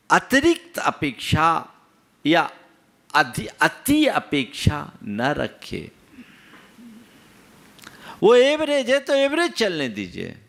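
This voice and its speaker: Male monk, sermon, rhetorical questions to listeners, gravelly voice, lively rising and falling pitch. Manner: asks the audience rhetorical questions; tells everyday anecdotes to teach. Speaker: Jain monk preacher.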